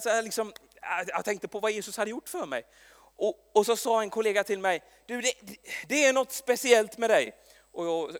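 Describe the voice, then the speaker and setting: A man preaching a sermon, telling stories in a lively way with frequent restarts and stumbles. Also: sits high. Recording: long echo in a large hall.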